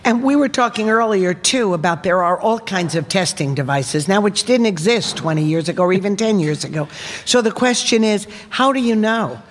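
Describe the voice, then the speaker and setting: A woman's voice: medium pitch, lively intonation, moderate pace. A woman hosting a live radio show from a reception hall, chatting with her guests and steering them with leading questions. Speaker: radio talk show host. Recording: long hall reverb from live venue.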